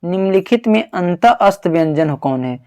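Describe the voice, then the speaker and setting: A man runs an exam-prep grammar lesson in a slightly high voice. He asks each question aloud, then answers it and repeats it for the student. He sounds out syllables and keeps ending with a reassuring "okay". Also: lively intonation, moderate pace, a little mellow, clean tone. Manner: calls the listener "babu", sounds out syllables. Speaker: teacher.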